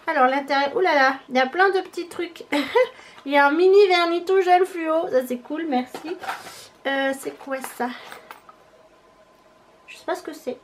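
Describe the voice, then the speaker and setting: A woman's voice: high voice, moderate pace, long pauses, a little hiss or hum. A young woman chatting casually as she unboxes a parcel on her vlog, thinking aloud and hesitating often. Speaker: beauty vlogger.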